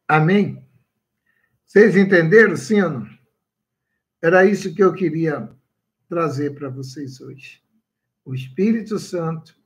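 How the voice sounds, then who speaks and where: A man's voice: a little high, poor audio. A man, a pastor preaching a sermon on a livestream and asking his listeners questions.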